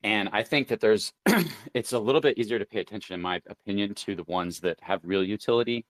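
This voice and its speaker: A man's voice: fairly low pitch, a little fast, no echo. A man hosting a live crypto audio chat, rambling casually with many fillers as he thinks aloud. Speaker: crypto show host.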